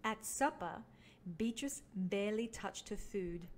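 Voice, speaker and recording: A woman reading a children's picture book aloud as a teaching artist, with expressive emphasis for young listeners. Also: mid-range voice, measured pace, a little hiss or hum. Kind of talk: animated children's storybook read-along.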